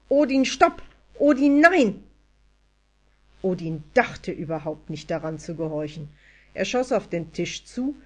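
A woman narrating a story aloud in a lively, expressive reading style. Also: lowish voice. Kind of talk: audiobook storytelling.

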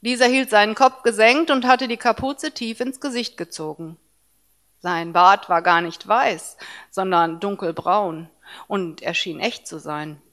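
A woman reads a first-person story aloud, narrating calmly and evenly. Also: medium pitch, unhurried.

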